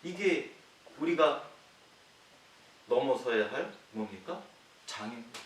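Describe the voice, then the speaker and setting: A male pastor preaching a sermon, posing rhetorical questions to the congregation and swinging between loud emphatic lines and quiet low ones. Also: expressive, slow. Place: church sanctuary. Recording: echoey hall, distant mic, faint hiss.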